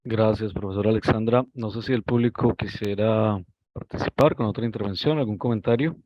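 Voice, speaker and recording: A man with a slightly low voice moderates a formal event. The audio is dull and lo-fi, with little room echo. He addresses participants in courteous, formal phrases. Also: brisk.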